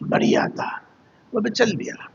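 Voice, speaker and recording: A man's voice: slow, dull audio. A man, a monk, giving a devotional scripture discourse, telling stories and chanting verses as he explains them. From India. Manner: storytelling with acted quotes and chanted verses.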